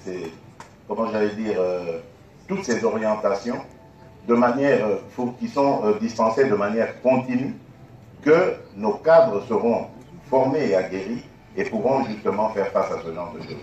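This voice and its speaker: A man, a party candidate speaking haltingly with many fillers and restarts. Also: lowish voice, a little mellow, highs cut off, a little hiss or hum. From Congo. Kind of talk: political debate. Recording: echoey hall from far off.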